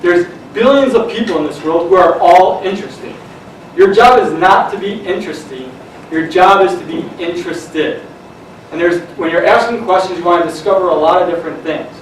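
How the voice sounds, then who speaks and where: A man giving a lively, conversational sales seminar to a room of people, acting out what customers say. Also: high voice, brisk, a little hiss or hum. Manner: energetic, conversational, acts out quotes. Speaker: sales presenter. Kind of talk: seminar talk. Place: room with an audience. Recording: very echoey room, mic far off.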